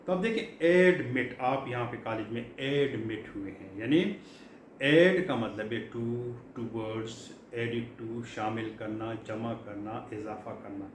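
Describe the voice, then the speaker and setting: A middle-aged Pakistani man with a mid-range voice teaches English vocabulary lecture-style in a classroom, explaining patiently, repeating key words and using lots of fillers. The room is echoey, with a faint hum behind him.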